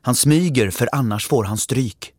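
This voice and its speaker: A man's voice: medium pitch, darkish tone, husky, dry recording, clean studio sound, voice pushed up, lightly acted. A man voicing a serious young schoolgirl in a read-aloud story, his own voice only lightly raised.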